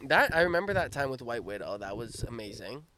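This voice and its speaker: A man in a casual podcast chat, high on weed, giggling and easygoing. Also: big pitch swings, fast talker, sharp tone, a little hiss or hum. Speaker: podcast co-host.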